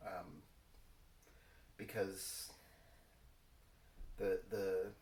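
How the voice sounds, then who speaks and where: A rather low-pitched male voice in relaxed question-and-answer conversation, picked up from a distance. He rambles informally, stopping and starting as he goes, with noticeable room echo. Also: very slow. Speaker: co-host of a casual Q&A video. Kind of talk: casual Q&A chat. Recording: roomy echo, distant microphone.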